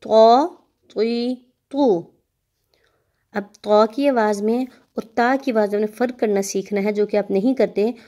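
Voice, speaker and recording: A woman with a Pakistani Urdu accent teaching Quran reading in a slow, drilled lesson, patiently repeating each sound for the learner to echo. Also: medium pitch, fairly even intonation, dark tone. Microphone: online class recording.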